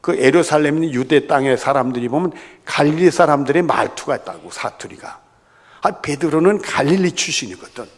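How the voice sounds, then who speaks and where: Animated preacher in a reverberant sanctuary. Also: male voice, a little high, brisk. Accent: Chungcheong-tinged Korean. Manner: animated storytelling, acting out quoted voices. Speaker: pastor. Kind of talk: sermon. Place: large church sanctuary. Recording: long church hall reverb.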